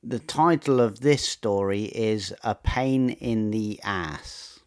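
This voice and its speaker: A man narrating a true personal story in a measured, matter-of-fact scripted way. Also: on the low side, clean tone.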